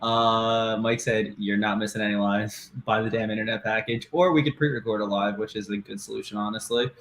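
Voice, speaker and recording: A man's voice: lowish voice, fairly even intonation, brisk, a bit bright. A man co-hosting a casual livestream, reading viewer comments aloud in an upbeat way and laughing often. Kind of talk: casual live-stream chat.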